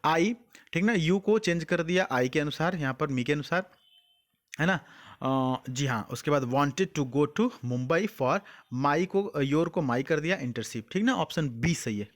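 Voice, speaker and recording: A male teacher in an exam-prep lesson, with a voice a little high for a man. He explains patiently, poses questions to his students and answers them himself, and reads example sentences slowly, word by word. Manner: mixes English words into Hindi explanation.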